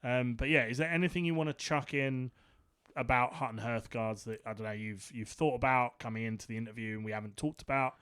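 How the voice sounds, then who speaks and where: A man's voice: mid-range voice, a little fast, fairly bright tone, clear, resonant tone, no echo, studio quality. A man co-hosting a podcast, interviewing a guest in an encouraging, affirming way. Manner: encouraging, affirming, lots of "yeah". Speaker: podcast co-host.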